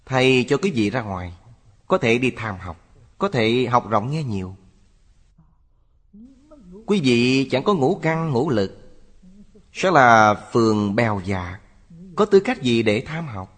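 A man giving a Buddhist sermon in a measured, lecturing cadence. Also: medium pitch, very animated, fairly bright tone. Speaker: Buddhist teacher. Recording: long hall reverb.

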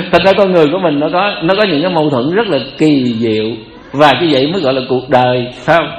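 A man's voice: on the high side, quick pace, a little hiss or hum. A man with a Southern Vietnamese accent giving a Buddhist sermon, chatty and joking, tossing rhetorical questions at his listeners. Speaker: Buddhist teacher. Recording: echoey hall.

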